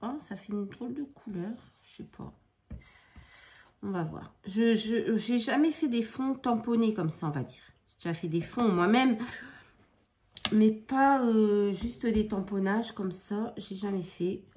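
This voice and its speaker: A woman's voice: medium pitch, a little slow, darkish tone, a little hiss or hum. A woman chatting casually as she demonstrates scrapbooking at her craft table at home, improvising and often hesitating. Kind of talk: casual craft tutorial chat.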